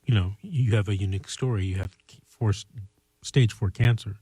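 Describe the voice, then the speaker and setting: Man, call-in host, husky and mellow, very dry sound, earnest conversational advice, measured phrasing. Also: on the low side, no room sound.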